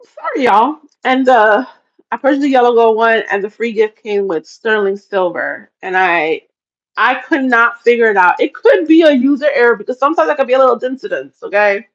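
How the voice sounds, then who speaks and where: A woman's voice: a little high, moderate pace, highs cut off. A woman chatting casually on a livestream, rambling and often laughing as she talks. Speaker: livestream host.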